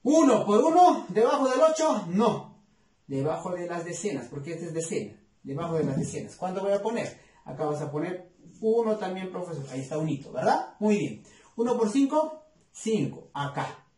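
A man teaching arithmetic to children, coaxing them with many quick questions. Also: high voice, sing-song, a little mellow, far from the mic. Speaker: math teacher. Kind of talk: explaining a lesson to children. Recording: echoey room, voice away from mic.

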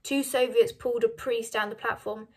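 A woman reading a novel aloud, measured and dropping soft on narration. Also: on the high side, steady tone. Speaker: reader of a novel.

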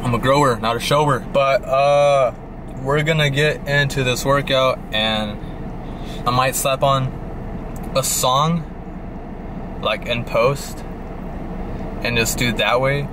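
A man's voice: mid-range voice, fairly even intonation, takes it slowly, pauses often, background noise. A young man, chatting casually for his vlog with many fillers, from a parked car and a gym. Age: young adult. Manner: laid-back, rambling with many fillers. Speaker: vlogger.

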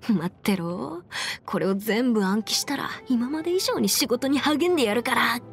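A woman voices scripted lines for a confident young half-immortal lawyer in an anime game, with background music behind her. Her voice is a little high with lively intonation, and she sounds brisk, indignant and determined. Her phrasing is crisp, self-assured, formal and mannish.

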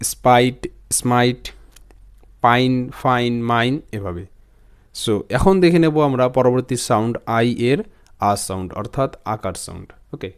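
Smooth-voiced man teaching spelling drills. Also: medium pitch, a little mellow. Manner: spells words letter by letter, repeating each word. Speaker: English reading teacher. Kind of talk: online phonics lesson.

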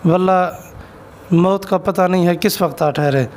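A man's voice: high-pitched, a little slow, a little mellow, slight background noise. A man who is an Islamic cleric, answering an interview question with an earnest, exhortative sermon and stories.

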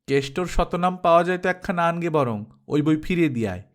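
A man's voice: on the high side, very animated, normal speed. A male storyteller voicing an older village aunt who scolds her nephew sharply. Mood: scolding.

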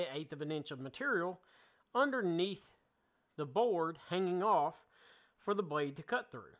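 A man in his thirties talks through a woodworking tutorial in a casual, plainspoken way, with a slightly raised pitch for his sex. He explains each step as he goes, from inside his home workshop. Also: fairly bright tone. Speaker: woodworking channel host. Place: home woodworking shop, indoors.

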